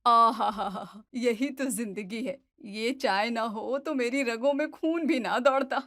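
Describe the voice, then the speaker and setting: A woman's voice: on the high side, measured pace, fairly bright tone. A woman voicing a scheming older mother-in-law who is obsessed with tea and sighs and grumbles theatrically. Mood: dramatic.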